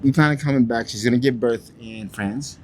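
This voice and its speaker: A man's voice: medium pitch, brisk, darkish tone, a little hiss or hum. A young man from Queens, chatting casually in an interview and acting out the quotes in his stories. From Queens, New York. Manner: loose storyteller, acts out quotes.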